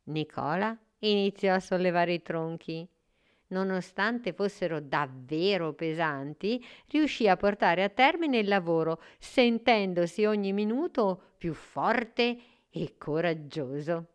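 A woman narrating a children's story gently and carefully. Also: fairly low pitch, animated, slow pace, clear, resonant tone.

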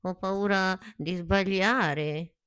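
A woman voicing a shy, tender young tree in a children's story, speaking softly and hesitantly. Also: medium pitch, fairly even intonation, extremely slow, clear, resonant tone, no room sound, clean studio sound, voice pushed up. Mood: anxious. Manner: soft, hesitant and wondering.

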